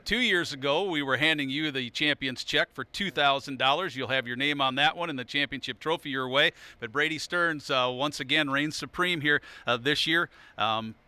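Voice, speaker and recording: A man's voice: fairly high pitch, sharp tone, smooth, no room sound. A man hosting a televised bowling tournament, interviewing players and presenting trophies with an upbeat manner. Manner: upbeat, quick to laugh. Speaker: TV sports host.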